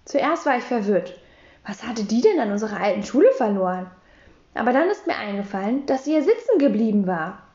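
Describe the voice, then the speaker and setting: A woman narrating a children's audiobook in an expressive, lively storytelling manner. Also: fairly high pitch, fairly quick, echoey room, dull audio. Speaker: audiobook reader.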